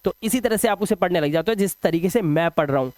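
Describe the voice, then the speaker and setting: High-voiced man teaching phonics. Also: a little mellow, dry recording. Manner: patient, repeats example words slowly, quizzes the viewer. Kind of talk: explaining phonics rules in a video lesson.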